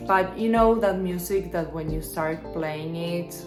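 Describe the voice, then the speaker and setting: A woman in her thirties talks through a get-to-know-me vlog at a slow, easy pace, upbeat and chatty. Her voice sits a little low. The room rings noticeably, and guitar music plays clearly underneath. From Argentina. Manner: chatty and upbeat, answers questions she reads out herself. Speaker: image consultant and stylist. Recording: roomy sound with guitar music behind.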